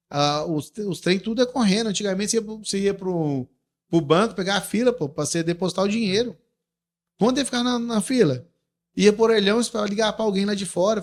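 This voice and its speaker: A man with a Brazilian Portuguese accent, a podcast guest in casual chat, telling personal stories in an earnest, lively way. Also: high-pitched. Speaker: podcast guest, entrepreneur and rancher.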